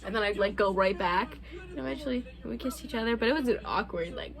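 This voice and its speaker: A woman's voice: a little high, fast, vocal fry. A young adult woman hosting a casual couple's Q&A vlog, chatting candidly with loose, profane phrasing. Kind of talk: casual chat.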